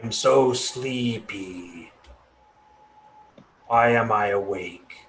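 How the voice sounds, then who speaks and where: A man voicing an ancient, sleepy elm tree spirit in a tabletop game, with a creaky, deep, very old voice and drowsy, very slow speech. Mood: sleepy, groggy. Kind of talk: tabletop game role-play.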